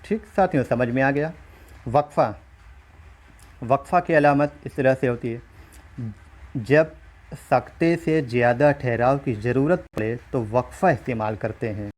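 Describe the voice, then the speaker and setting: A man's voice: mid-range voice, measured pace. A man teaching an online exam-prep lesson, explaining step by step and often checking in with his listeners. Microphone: recorded while writing on a screen.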